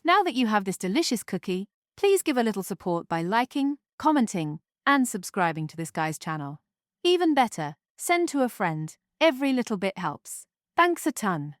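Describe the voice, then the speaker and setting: A woman with a lively, swinging voice reads cooking instructions as scripted voice-over. The sound is dry and close, and her delivery is upbeat. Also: mid-range voice, normal speed, no room sound. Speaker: co-presenter reading recipe steps.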